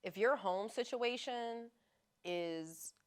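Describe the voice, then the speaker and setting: A woman's voice: a little high, takes it slowly, clear, resonant tone. A woman in her thirties, a podcast guest, talking in a laid-back, slangy and frank way in casual chat.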